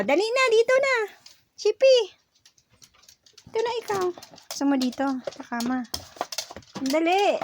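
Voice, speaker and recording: Woman, vlogger, high voice, unhurried, playful sing-song. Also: noisy background. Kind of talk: casual vlog, talking to her dog.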